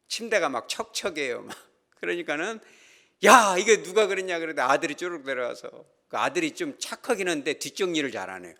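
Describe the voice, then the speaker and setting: A man's voice: fairly high pitch, vocal fry. A middle-aged man preaching a sermon as pastor, telling stories with acted-out voices and asking the congregation questions. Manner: animated storytelling, acts out quoted characters.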